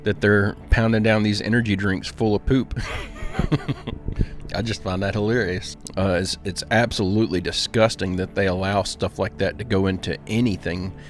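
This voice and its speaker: A man speaks in a low-pitched voice with a hillbilly Appalachian accent. His commentary is casual, folksy and plain-spoken, with music playing underneath. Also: fairly even intonation, moderate pace.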